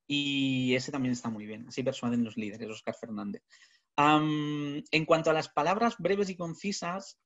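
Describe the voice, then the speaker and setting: A man, a communication trainer, giving a webinar talk over a video call, animated and full of rhetorical questions. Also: mid-range voice. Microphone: webcam video call. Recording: dull lo-fi webinar audio.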